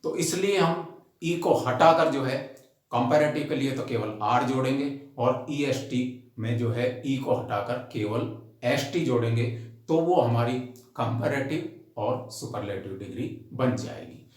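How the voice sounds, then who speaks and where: A man teaching English grammar to students. He explains each rule slowly and patiently, spells words out letter by letter, and repeats every point. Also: medium pitch. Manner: addresses the class directly as students. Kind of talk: recorded grammar lesson. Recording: very echoey room.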